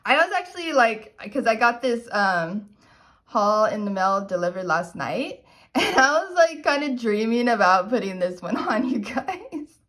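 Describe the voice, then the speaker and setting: Slow-talking gushing woman vlogger. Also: a little high, big pitch swings, fairly bright tone. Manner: gushing, chatty, calls herself dorky. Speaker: nail polish vlogger. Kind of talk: casual haul video chat.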